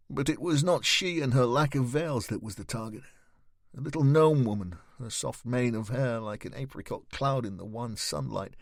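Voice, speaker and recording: Gravelly guy reading a fantasy audiobook, steady, super dry sound. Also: mid-range voice, no echo. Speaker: audiobook narrator. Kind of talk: scripted audiobook narration.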